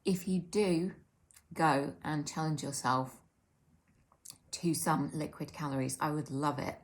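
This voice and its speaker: Low-voiced British woman chatting, eat-with-me style. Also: unhurried. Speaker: vlogger sharing eating disorder recovery support. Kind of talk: casual eat-with-me vlog chat, talking over a drink.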